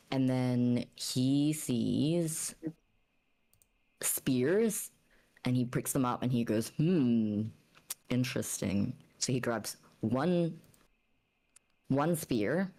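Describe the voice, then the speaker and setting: A woman playing a tabletop game casually narrates her character's actions, thinking aloud in a halting way. Her voice is very deep and warm, though the audio quality is poor.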